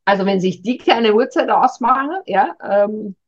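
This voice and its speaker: This is a reflective advice monologue from a middle-aged woman acting as a communication coach, addressing the listener directly. She has a mid-range voice and a moderate pace, sounds thoughtful and hesitant, and was captured in a dull lo-fi recording.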